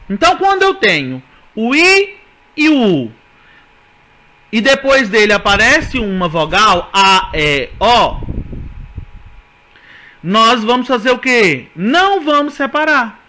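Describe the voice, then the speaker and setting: Male teacher, Brazilian accent, bright and sharp tone, patient step-by-step explainer. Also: very high-pitched, sing-song, slow, pauses often. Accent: Brazilian Portuguese. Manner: explanatory, repeats "certo?" to check understanding. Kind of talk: classroom lesson on poetry.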